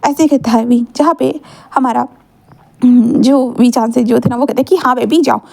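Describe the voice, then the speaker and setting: A woman's voice: fairly high pitch, fairly even intonation, moderate pace, creaky, mellow. A woman casually narrating a fan-fiction story, chatty, often checking in with her listeners.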